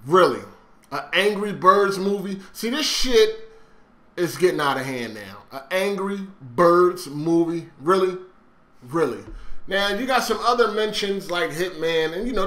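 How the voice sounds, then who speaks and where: Recorded in an echoey room, a gaming host shares his opinions casually in a higher-than-average, somewhat bright voice. He doesn't mince words, curses often, and keeps turning to the listener to check in.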